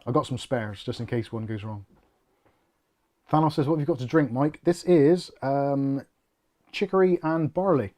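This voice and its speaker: Reading out viewer comments on his tech channel's casual livestream, a middle-aged man from the UK rambles, cracks jokes and makes fun of himself. He has a darkish, mid-range voice, keeps a moderate pace and pauses often.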